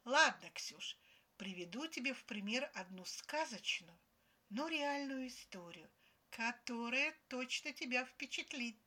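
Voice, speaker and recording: A woman's voice: a little high, lively intonation, unhurried, bright, forceful tone, pitched above the performer's own voice, full character voice. Woman reading a smug man lecturing his girlfriend.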